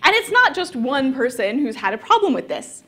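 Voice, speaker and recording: A young woman gives a lively conference talk, her voice pitched high. She speaks in a relaxed, conversational way, with plenty of filler words as she explains her ideas. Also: moderate pace. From American South. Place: conference hall.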